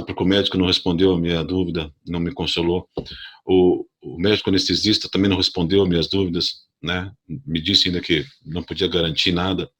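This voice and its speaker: A man with a southern Brazilian accent telling a personal story to a parish audience in a conversational, halting way. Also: deep voice, a bit bright, slightly rough. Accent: southern Brazilian Portuguese. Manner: conversational, halting restarts, addresses audience directly. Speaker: lay speaker at a parish gathering.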